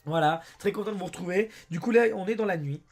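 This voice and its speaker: A young French man with a hoarse voice, chatting excitedly as he plays a game and talks to his viewers. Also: sits high, fast, faint music behind. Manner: chatty and excitable, often says "mes amis" and "abusé". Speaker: let's play host. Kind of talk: casual gameplay commentary.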